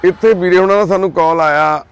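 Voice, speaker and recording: A man with a Punjabi accent giving an earnest on-the-spot field report outdoors at a railway station at night, speaking gently and coaxingly. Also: high-pitched, fairly even intonation, fairly quick, vocal fry, clean tone.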